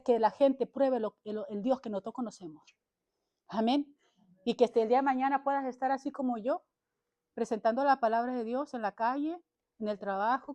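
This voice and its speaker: A woman's voice: on the high side, warm tone. A woman preacher delivering a fervent sermon to a church that is also streamed online, punctuating her phrases with "amén". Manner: fervent and exhorting, driving each point home. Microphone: livestreamed to social media.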